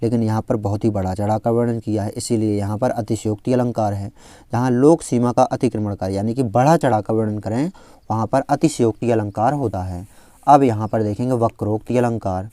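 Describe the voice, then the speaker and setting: Man slowly explaining Hindi grammar. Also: on the low side, warm tone, dry recording. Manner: slow, repetitive explaining, slows down to recite verse examples. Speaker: teacher. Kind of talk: exam-prep Hindi grammar lesson.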